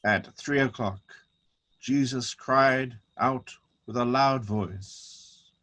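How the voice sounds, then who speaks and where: A man narrating a dramatic scripture reading with solemn, measured, deliberate phrasing. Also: medium pitch, a bit bright.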